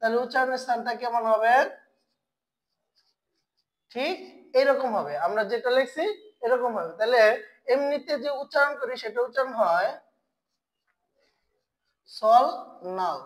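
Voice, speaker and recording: A slightly high-voiced woman leads an online Korean pronunciation lesson in a low-quality recording. She asks questions only to answer them herself, and she repeats key sounds slowly for learners.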